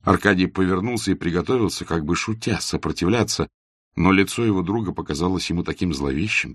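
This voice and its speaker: A man reading a classic novel aloud as the narrator, in a measured, even way. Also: low-pitched, slightly rough, dry recording, studio quality. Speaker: audiobook narrator. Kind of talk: scripted narration.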